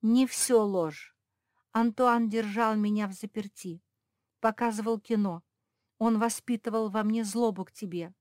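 A small greyhound mother, voiced by a woman reading a storybook cries out her defiance in a raised, slightly higher voice. The sound is close and dry. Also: fairly even intonation, unhurried, no echo, close to an everyday voice. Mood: pleading. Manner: loud, pleading and insistent. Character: desperate loyal little female greyhound, mother.

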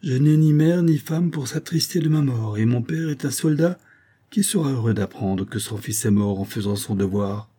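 A man's voice: mid-range voice, animated, moderate pace, dark tone, natural voice. A man voicing an impetuous young naval lieutenant in a raised, urgent voice for a storybook reading.

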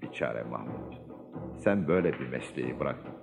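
Very deep-voiced humble disciple. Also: male voice, expressive, normal speed, vocal fry, over music, heavily acted. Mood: anguished, self-reproaching. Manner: earnest, self-reproaching. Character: humbled former judge, devout obedient disciple. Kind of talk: radio drama acting.

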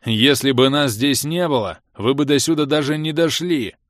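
A man's voice: mid-range voice, animated, moderate pace, a bit bright, dry recording, studio quality, lightly acted. A man voicing a big growling armored warrior in an audiobook. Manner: growling, coaxing. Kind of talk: audiobook character voice.

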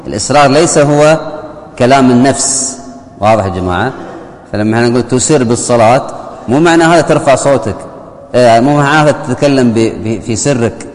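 A man's voice: mid-range voice, fast talker. A man giving a religious jurisprudence lesson, often posing rhetorical questions to his listeners. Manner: asks the audience rhetorical questions. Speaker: Islamic jurisprudence teacher. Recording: long hall reverb.

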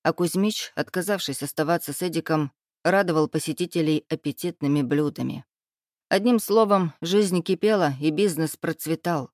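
A man's voice: on the high side, moderate pace, no room sound, clean studio sound. Man narrating a first-person novel. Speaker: audiobook narrator.

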